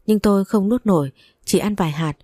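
A woman's voice: mid-range voice, fairly quick, mellow, no echo, studio quality. A woman narrating a story in the first person with a sorrowful, emotional reading.

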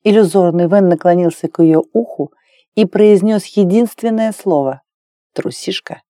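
Mellow, low-voiced woman narrating an audiobook. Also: normal speed, dry recording, clean studio sound. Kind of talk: scripted narration.

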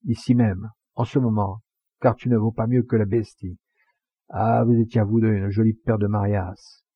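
Proud hot-headed poacher, read by a man: gravelly, husky, low, scornful bite, dull lo-fi sound. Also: steady tone, moderate pace, dry recording. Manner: scornful, fiery retorts.

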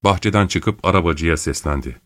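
A man reading a classic novel aloud, calm and measured. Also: dry recording, studio quality. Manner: calm, measured reading; raises pitch for female characters' quoted lines. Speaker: audiobook narrator. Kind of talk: scripted literary narration.

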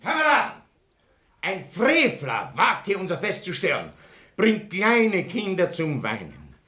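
An actor playing a pompous, domineering middle-aged socialist politician in a radio play, husky and speechifying. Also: male voice, on the low side, huge pitch swings, unhurried, full character voice. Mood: declamatory, outraged. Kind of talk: theatrical radio play acting.

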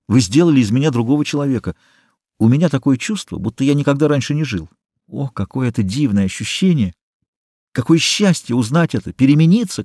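A man's voice: mid-range voice, mellow, husky, no echo, clean studio sound, pitched above the performer's own voice. A man reading as an impassioned young artist in love. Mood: ecstatic. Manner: pleading, impassioned.

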